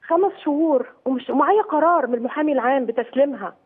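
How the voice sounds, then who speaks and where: A woman's voice: high-pitched, very fast. A woman caller with an Egyptian Arabic accent, distressed and pleading as she talks on a phone line.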